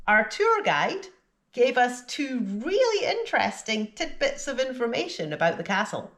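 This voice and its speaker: Her voice a little high, a woman who speaks English natively teaches vocabulary from a script. The lesson is clear and deliberate, built around having learners repeat after her.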